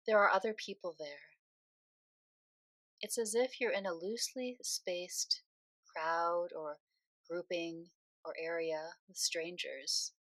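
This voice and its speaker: Soothing and unhurried, a woman leads a guided meditation, pausing after each phrase. She speaks in a fairly low register with a rather bright tone, and the recording is dry.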